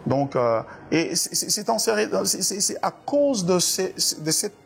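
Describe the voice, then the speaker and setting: This man from the Democratic Republic of the Congo is a pastor being interviewed about church doctrine. He speaks slowly in a high, creaky, very animated voice, earnest and preacherly, frequently hesitating and repeating himself.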